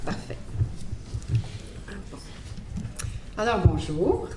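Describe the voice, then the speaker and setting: Speaking slowly with vocal fry, a Montreal woman gives a personal faith testimony in Quebec French as a guest speaker. Her voice sits on the low side yet swings hugely in pitch, and she comes across as hesitant and reflective with many fillers, in an echoey hall with faint background noise.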